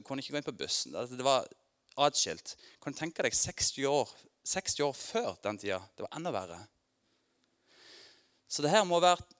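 Chatty male preacher speaking to a congregation. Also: medium pitch. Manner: informal and chatty, with filler words and restarts, laughing often; grows loud and excited while telling his story. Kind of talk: conversational sermon with personal testimony. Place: church.

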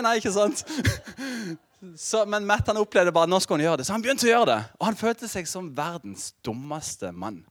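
Male pastor, middle-aged, preaching with animated storytelling, dry close sound. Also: on the high side, no room sound. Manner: animated storytelling with laughs and asides to congregation. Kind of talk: sermon.

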